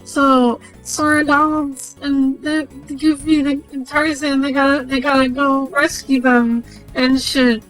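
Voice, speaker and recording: A woman's voice: sits high, little pitch movement, unhurried, fairly bright tone, faint music behind, poor audio. Rambling, profane young woman streamer. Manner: profane, rambling, many fillers. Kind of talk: casual game recap.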